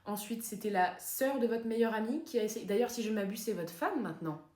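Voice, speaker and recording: A woman playing a calm, dry female psychotherapist in a comedy sketch, speaking softly and deadpan. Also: fairly high pitch, echoey room, close to an everyday voice. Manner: soft-spoken, measured, deadpan.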